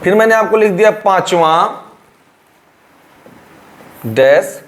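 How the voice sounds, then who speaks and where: A man's voice: high-pitched, expressive, takes it slowly. A male teacher explaining grammar at a board, repeating words and drawing them out.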